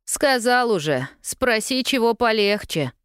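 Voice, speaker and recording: A woman's voice: mid-range voice, animated, a little slow, smooth, no room sound, studio quality, voice pushed up, natural voice. A woman voicing a cocky young street newsboy who talks in a slangy, scoffing, drawling way.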